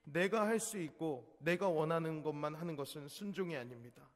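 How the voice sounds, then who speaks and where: A man's voice: a little high, a little fast, in a large hall. A man preaching a sermon as an evangelist, telling a personal story in an earnest, emotional way. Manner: earnest, emotional, acts out quotes.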